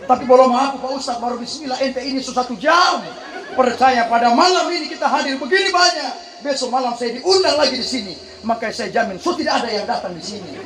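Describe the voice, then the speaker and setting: A man's voice: very high voice, fairly bright tone, roomy sound, low-quality recording. A man preaching a humorous sermon to a congregation, bantering with listeners and breaking into melodic Quran chanting. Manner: joking, call-and-response with the crowd, melodic Quran chanting.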